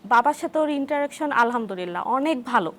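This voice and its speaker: A woman talking about her child as a guest on a studio talk show, chatting casually and often pausing to rephrase. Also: on the high side, lively intonation. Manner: conversational, frequent "mane" fillers.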